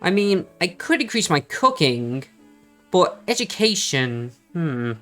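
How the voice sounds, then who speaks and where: A woman's voice: lowish voice, big pitch swings, slow pace, a bit bright. A woman doing let's play commentary, thinking aloud and chatting to viewers as she reads the game. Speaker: game streamer. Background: game music.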